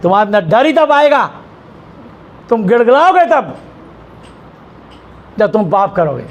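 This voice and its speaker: A middle-aged male pastor preaches with strong emphasis, his voice sitting notably high for a man. He asks pointed questions and answers them at once. A faint hiss of noise runs beneath his speech. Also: sing-song, a little slow. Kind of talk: sermon. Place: church hall with a congregation.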